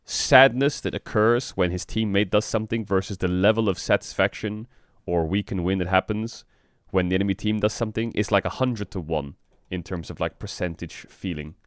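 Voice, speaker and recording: A man streaming in casual chat, frank and rambling, swearing often, with a flat delivery because he just woke up. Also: normal speed, few pauses, smooth, no echo, clean studio sound. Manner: flat, low-energy delivery. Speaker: streamer and esports team owner.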